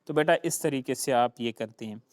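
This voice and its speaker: A man's voice: medium pitch, normal speed, darkish tone, dry recording, clean studio sound. A man from Sindh, a Sindhi speaker, teaching a grammar lesson. He spells words out letter by letter, repeats them, and calls his students "beta". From Sindh, Pakistan. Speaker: English teacher. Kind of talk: classroom grammar lecture.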